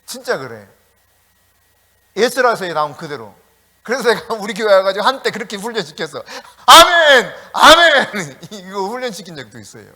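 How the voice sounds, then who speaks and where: A middle-aged male pastor giving a sermon, animated and storytelling, talking directly to the congregation with chatty asides. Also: sits high, fairly quick. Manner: animated preaching with shouted calls.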